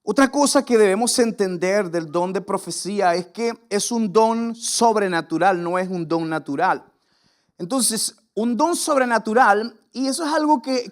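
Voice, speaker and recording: High-voiced Venezuelan pastor preaching. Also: male voice, measured pace. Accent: Venezuelan Spanish. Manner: impassioned, has the congregation repeat lines. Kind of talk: sermon.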